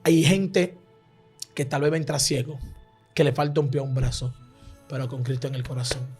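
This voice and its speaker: A man preaching a fervent sermon, swelling loud and then dropping to a hushed, prayerful tone, slipping into tongues between phrases. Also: mid-range voice, fairly even intonation, normal speed, husky, faint music behind.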